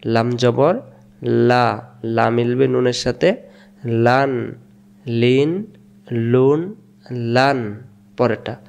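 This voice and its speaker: A man from Bangladesh with a Bangladeshi Bengali accent gives a Quran reading lesson at a very unhurried pace. His voice is smooth and clear, and he drills syllables again and again, posing quiz questions and answering them himself. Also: mid-range voice, darkish tone. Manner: drills syllables aloud, repeating each several times. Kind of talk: slow spelled-out recitation lesson.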